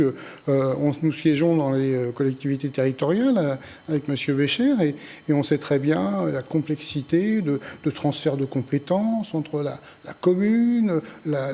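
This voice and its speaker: A man's voice: on the high side, mellow. A local party president arguing his side in a televised political debate, correcting how the question was framed. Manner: argumentative, correcting the opponent's framing. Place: local TV studio.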